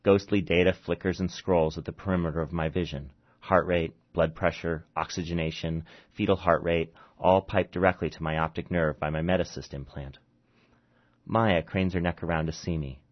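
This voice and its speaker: Man, very deep voice, author reading his short story, halting chat, dull lo-fi recording. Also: steady tone. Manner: halting, with fillers, when chatting.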